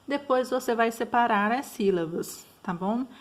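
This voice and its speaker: A woman's voice: on the high side, measured pace. Woman, Brazilian Portuguese accent, teacher, recorded lesson, patient, frequent check-ins. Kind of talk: explaining school exercises.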